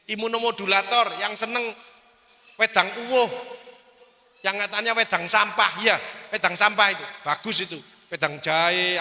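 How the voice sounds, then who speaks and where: A middle-aged doctor talks to an audience in a lively, joking way, with a high, piercing, sharp-edged voice. The sound rings with the long reverb of a large hall. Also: male voice. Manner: animated, joking, slips into Javanese phrases. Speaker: doctor giving a seminar talk. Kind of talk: lively seminar talk to an audience. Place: auditorium before an audience.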